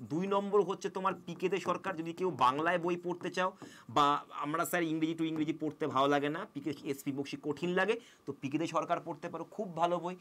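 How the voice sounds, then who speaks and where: Man, Bengali accent, exam-prep lesson, quick and coaxing, slightly high voice. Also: a bit bright. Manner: quick, coaxing, addresses students directly. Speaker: English teacher.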